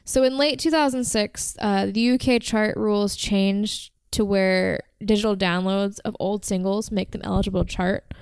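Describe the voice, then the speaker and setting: A woman co-hosting a music podcast in casual chat, chatty and enthusiastic, slightly hoarse from talking. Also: medium pitch, fairly even intonation, normal speed, few pauses, a little mellow, no room sound. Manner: chatty, filler-heavy, enthusiastic about bands. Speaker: podcast co-host.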